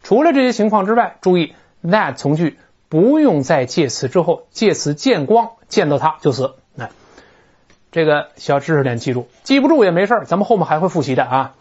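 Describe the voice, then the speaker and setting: A teacher giving a recorded grammar lecture, animated and explanatory, drawing words out slowly to model how they sound. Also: medium pitch, breathy edge. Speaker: English teacher. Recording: dull lo-fi recording.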